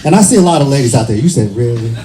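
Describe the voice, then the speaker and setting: A man doing loose, profane stand-up comedy on a bar stage, telling stories in an animated way. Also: medium pitch, racing. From Washington, D.C. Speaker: stand-up comic. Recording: loud crowd laughter and room noise.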